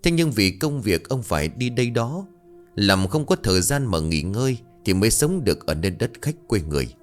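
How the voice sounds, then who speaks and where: A man narrating a village folk tale in a lively, colloquial storytelling manner. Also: lowish voice, fairly quick, faint music behind.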